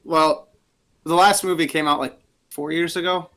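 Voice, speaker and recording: A man's voice: on the high side, steady tone, moderate pace, creaky, sharp tone. Giggly young man rambling. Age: young adult. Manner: rambling, giggly, says "like" a lot. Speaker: podcast co-host. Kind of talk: casual chat.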